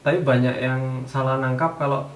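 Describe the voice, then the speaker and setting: A man's voice: mid-range voice, steady tone, normal speed, far from the mic, a little hiss or hum. Easygoing man, echoey room. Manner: easygoing, hesitant, with fillers. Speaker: comic community member. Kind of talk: casual chat. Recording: echoey room, voice a bit off-mic.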